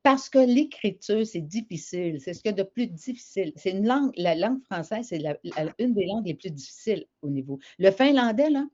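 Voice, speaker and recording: A woman's voice: medium pitch, lively intonation, fairly quick, few pauses, darkish tone. A middle-aged woman with a Quebec French accent, a remedial teacher explaining a spelling method to parents in a chatty way, full of examples. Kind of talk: parent information session. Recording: dull lo-fi sound.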